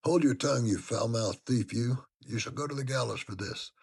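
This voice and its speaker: Man doing a gruff, bellowing manservant. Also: medium pitch, moderate pace, voice pushed up. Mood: blustering. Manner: loud, blustering accusations. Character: gruff shouting male manservant, suspicious and threatening.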